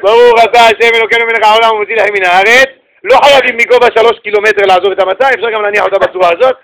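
A rabbi giving a lively, humorous religious lesson, telling stories and joking with his listeners. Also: sits high, low-quality recording. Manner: animated, joking storyteller addressing the audience.

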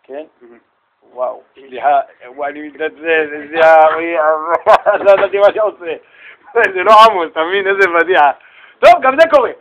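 A middle-aged man from Israel giving a lively storytelling sermon as a rabbi, acting out voices and bantering with his listeners. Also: a little high, muffled recording, a little hiss or hum. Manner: animated, acts out voices and shouts in stories, banters with listeners. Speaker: rabbi giving a Torah lesson.

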